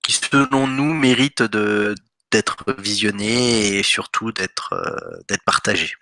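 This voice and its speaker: Very bright, low-pitched man. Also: lively intonation, takes it slowly, no room sound. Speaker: co-host. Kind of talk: casual live stream presentation.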